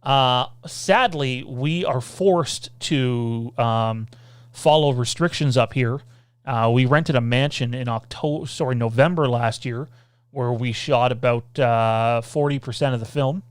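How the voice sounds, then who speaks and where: This is a podcast host doing a relaxed livestream Q&A on a desk microphone; he wanders from point to point, reads out comments from viewers and says "uh" in the gaps. His clear, smooth voice sits at an ordinary mid pitch. The recording is close and dry, with no sense of a room.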